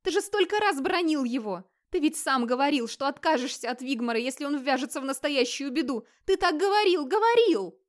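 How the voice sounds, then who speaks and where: Woman voicing a desperate wife, pleading, sobbing, high-pitched, loud. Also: animated, brisk, few pauses. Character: desperate wailing wife, middle-aged woman.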